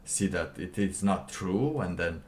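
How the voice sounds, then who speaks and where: A low-voiced man hosts a casual livestream, reading aloud and adding his own comments. He speaks slowly and haltingly, rambling and pausing mid-sentence, in an animated, slightly mellow voice. Faint noise sits in the background.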